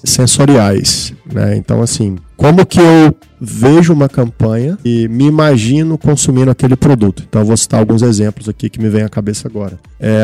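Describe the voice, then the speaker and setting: A man's voice: medium pitch, vocal fry, warm tone, no room sound. A man telling anecdotes as an interview guest, hesitant and full of fillers. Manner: storytelling, hesitant, many fillers. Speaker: guest, company co-founder.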